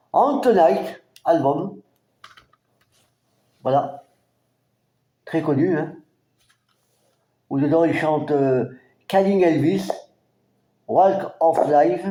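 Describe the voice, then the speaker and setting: A man from France casually presenting his record collection, halting and hesitant, with many fillers. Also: fairly high pitch, mellow, reverberant. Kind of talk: casual collection show-and-tell.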